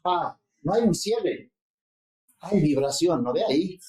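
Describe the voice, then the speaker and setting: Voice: medium pitch, expressive, mellow. Roomy-sounding lecturer checking in with class. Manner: explains slowly, checks in with the class often. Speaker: linguistics lecturer. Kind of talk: university seminar lecture.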